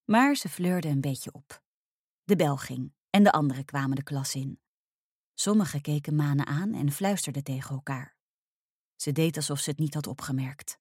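A woman reading a children's story aloud with expressive narration. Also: deep voice, normal speed, breathy edge, dry recording, studio quality. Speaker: reader.

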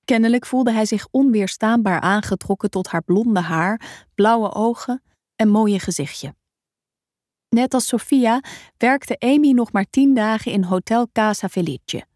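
A woman reading a novel aloud as a calm, even audiobook narrator. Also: on the high side, a little slow, no room sound, studio quality. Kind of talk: scripted narration.

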